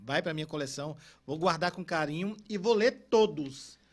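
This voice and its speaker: Man, high voice, podcast host, casual, friendly greetings. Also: lively intonation, moderate pace. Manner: friendly, greets live viewers. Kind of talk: casual interview talk.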